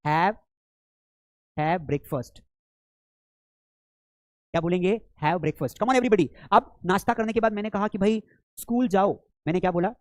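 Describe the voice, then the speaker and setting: A man's voice: high-pitched, fairly quick, a little mellow, dry recording. Hindi-accented man teaching English. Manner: addresses students as beta, asks questions and answers them himself. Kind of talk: live online spoken English class.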